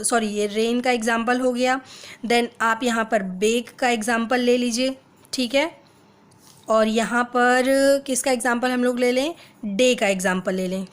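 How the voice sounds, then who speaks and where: A woman teaching a phonics lesson, explaining step by step and mixing Hindi with English, reading English rules out slowly and deliberately. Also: a little high, steady tone.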